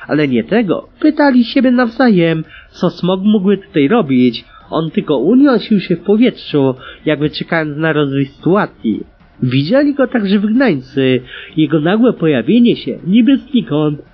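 A man narrates a storybook audiobook with a lively, dramatic delivery. His voice is husky and sits on the high side, swinging widely in pitch. The recording sounds dull and lo-fi. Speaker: audiobook reader.

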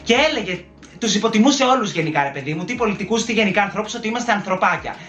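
A man telling a dramatic story time to his viewers in a casual, animated way, acting out the lines of the people in it. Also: high-pitched. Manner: animated, dramatic retelling with acted-out quotes. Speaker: storytelling vlogger. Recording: roomy echoey room.

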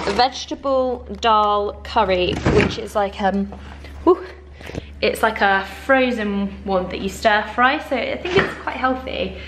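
A young woman chatting casually through a home kitchen vlog, rambling with lots of fillers. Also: medium pitch. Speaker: vlogger. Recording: noisy kitchen recording.

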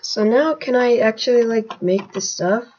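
A woman casually narrating her gameplay as a channel host, rambling with many fillers and sudden excited outbursts. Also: on the high side, normal speed, husky, lo-fi sound.

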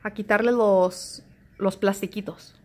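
A woman, chatting to camera in a home vlog and telling stories in an animated way. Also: medium pitch, unhurried, background noise. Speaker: home vlogger. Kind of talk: casual chat to camera.

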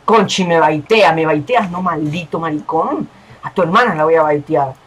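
A young man hosting a gaming channel, talking casually and excitably over his game, swearing and yelling at the screen. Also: on the high side, moderate pace, breathy edge.

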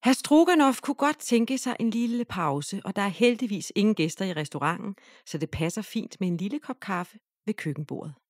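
A woman's voice: medium pitch, lively intonation, few pauses, darkish tone, no room sound. Woman reading a picture book, dry sound. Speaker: storybook reader. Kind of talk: expressive read-aloud narration for children.

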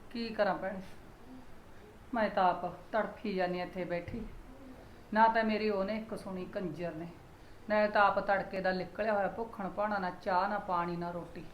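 A woman's voice: medium pitch, roomy sound, dull audio, a little hiss or hum, close to an everyday voice. A woman with a Punjabi accent playing a worried, apologetic mother-in-law who laments her son's behaviour.

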